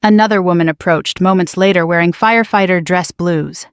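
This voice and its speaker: A woman narrating a first-person story in a measured, quietly dramatic manner. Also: fairly low pitch, clear, resonant tone, no room sound, clean studio sound.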